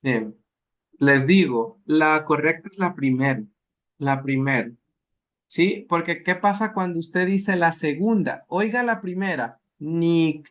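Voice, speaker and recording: A patient male teacher with a Salvadoran accent leads a class. His voice sits high for a man, and he talks at an unhurried pace. He says each practice word aloud several times over. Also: fairly bright tone. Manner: slow, patient, repeats words aloud for drilling. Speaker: language teacher. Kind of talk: live class instruction.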